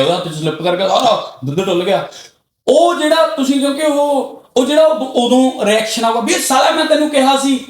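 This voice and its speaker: A middle-aged man from Punjab, a podcast guest telling stories candidly and getting loud and excited as he talks. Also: high voice. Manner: loud and excitable when talking. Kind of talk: candid conversational storytelling. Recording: roomy echoey room.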